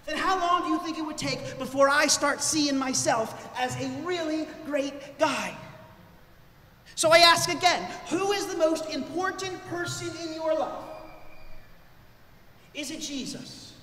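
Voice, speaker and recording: A male pastor preaching a sermon in an animated way, his voice rising for emphasis. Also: very high voice, a little slow. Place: church sanctuary. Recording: echoey church hall with long reverb.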